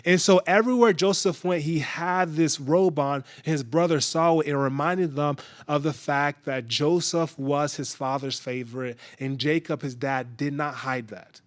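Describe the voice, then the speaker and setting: A man's voice: fairly high pitch, normal speed, hardly any pauses. A young man giving a sermon as a casual, conversational story, with frequent hesitations. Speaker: preacher.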